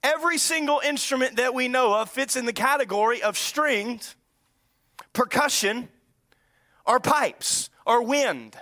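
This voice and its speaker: A man preaching a sermon in a North Louisiana accent, animated, with sudden shouts and drawled asides. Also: very high-pitched. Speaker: pastor.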